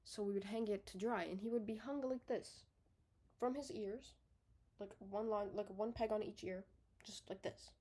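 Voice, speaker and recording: This vlogger, a young adult, chats at a moderate pace and a medium pitch in a loose, unedited diary filmed in her own bedroom. Her breath runs short, casual swearing creeps in, self-corrections are frequent, and her lines trail away quietly.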